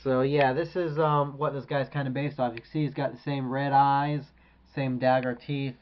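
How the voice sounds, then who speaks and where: A man's voice: mid-range voice, level tone, normal speed, highs cut off, a little hiss or hum. A man reviewing an action figure in a casual, rambling way with many hesitations. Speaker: toy collector reviewer.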